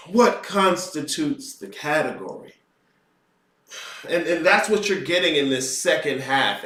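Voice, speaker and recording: High-voiced profane man ranting. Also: reverberant, distant mic. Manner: emphatic and profane, swings from quiet asides to loud rants. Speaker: podcast host lecturing on occult philosophy. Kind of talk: profane impassioned monologue.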